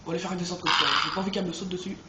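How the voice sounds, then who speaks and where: A high-voiced young man giving chatty, excitable commentary while he plays a video game, talking straight to his viewers. The voice rings in a roomy space, with steady noise underneath. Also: very fast. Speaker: let's play host. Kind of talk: gameplay commentary.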